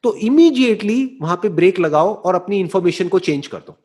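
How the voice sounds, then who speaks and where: A man giving a slow, deliberate motivational talk, often checking in with rhetorical questions and slipping into English phrases. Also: high voice, animated, darkish tone. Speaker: motivational speaker. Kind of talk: explanatory talk answering a listener.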